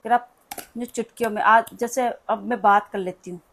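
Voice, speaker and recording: A woman's voice: fairly high pitch, fairly even intonation, moderate pace. A woman, tutoring at home in a patient, explanatory, chatty way. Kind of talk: casual home lesson.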